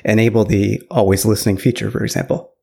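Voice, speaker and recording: A man co-hosting a tech podcast, chatty and sarcastic in casual talk, quick to laugh. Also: on the low side, steady tone, vocal fry, dark tone, breathy edge. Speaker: podcast co-host.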